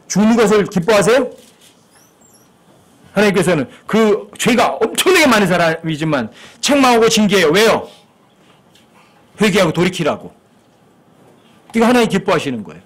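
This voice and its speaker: A male pastor with a high-sitting voice preaches a sermon in church, speaking conversationally and often posing rhetorical questions to his listeners.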